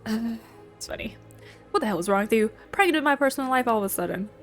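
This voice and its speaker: With an allergy-stuffed voice, this woman gamer reads on-screen dialogue and follows each line with playful commentary for her let's play. She talks fast and animatedly on the high side, faint music audible behind her.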